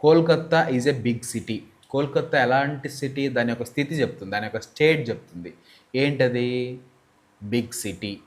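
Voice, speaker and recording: A man with a Telugu accent teaching English grammar, explaining step by step and often asking and answering his own questions. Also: medium pitch. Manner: reads example sentences slowly and deliberately. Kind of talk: grammar lesson.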